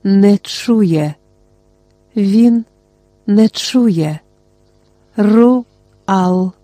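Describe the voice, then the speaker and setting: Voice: mid-range voice, very slow, mellow, no echo. A reader voicing a frightened young sorceress who speaks in a trembling, pleading voice in an audiobook. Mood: faint, tearful.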